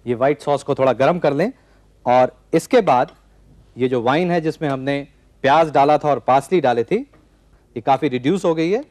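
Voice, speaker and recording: A man in his forties hosting a TV cooking show, calmly explaining a recipe step by step from a studio kitchen set. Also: medium pitch, dry recording. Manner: calm step-by-step instructing. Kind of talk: cooking demonstration.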